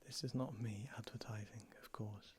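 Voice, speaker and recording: An ASMR creator whispering softly and close to the ear while showing and talking about items. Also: mid-range voice, fairly even intonation, moderate pace. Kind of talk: whispered ASMR show-and-tell. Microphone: close stereo ASMR microphones.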